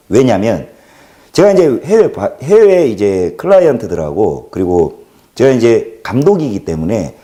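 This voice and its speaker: Lively, animated man hosting a livestream. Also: medium pitch. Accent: Jeolla Korean. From Jeolla region, South Korea. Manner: animated, joking, swings between loud and quiet. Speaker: livestream host. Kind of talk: casual livestream monologue.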